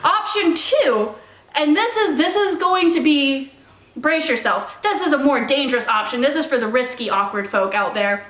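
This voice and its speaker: A woman's voice: high-pitched, moderate pace, a bit bright. A young woman co-hosting a comedic advice chat, playful and mock-serious in her delivery. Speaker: co-host. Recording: echoey room.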